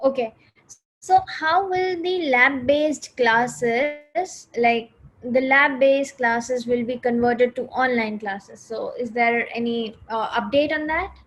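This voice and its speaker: A woman's voice: on the high side, slow, rough recording. A woman moderating a live orientation webinar, politely reading out viewers' questions.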